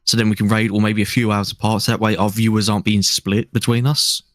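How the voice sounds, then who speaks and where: A man chatting as a guest commentator, thinking out loud and floating ideas with many restarts. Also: lowish voice, little pitch movement, fast talker, no room sound, clean studio sound. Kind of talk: casual chat.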